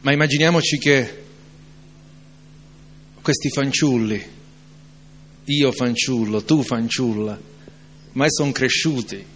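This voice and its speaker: A man preaching an evening sermon, moving from calm reflection to loud, emphatic climaxes. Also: medium pitch, a little hiss or hum. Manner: slow, deliberate delivery.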